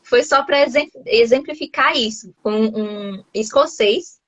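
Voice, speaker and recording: A woman's voice: a little high, unhurried, dry recording. Chatty Brazilian woman on a lo-fi call. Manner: chatty, laughs often, many restarts. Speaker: host, English teacher living abroad. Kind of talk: casual video-call chat.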